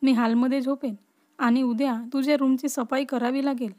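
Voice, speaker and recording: Gentle dad in a family story, mellow and high, read by a woman, calm and soothing. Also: moderate pace, natural voice. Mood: tender. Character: caring middle-aged father.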